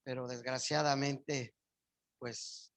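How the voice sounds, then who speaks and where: A man's voice: medium pitch, little pitch movement, takes it slowly. A male pastor preaching a sermon in church, his voice surging up with emphasis on key phrases.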